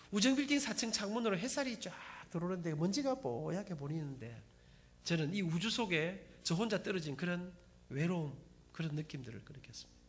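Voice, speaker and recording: Middle-aged guy w gyeongsang accent telling his church testimony, high voice, swings up and down a lot. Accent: Gyeongsang Korean. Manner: animated dramatic storytelling, addresses audience. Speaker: speaker giving a faith testimony.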